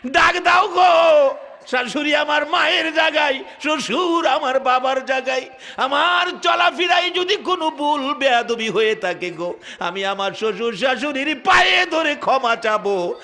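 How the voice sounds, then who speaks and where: A man's voice: high-pitched, normal speed, fairly bright tone. A man voicing a desperate young woman in childbirth pain who pleads and wails. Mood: desperate wailing. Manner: wailing, pleading cries.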